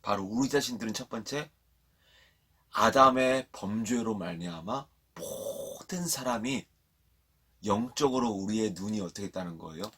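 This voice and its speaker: A man preaching a sermon to children at a church online service, telling the story in a lively way and asking the children questions. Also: lowish voice, moderate pace, breathy edge.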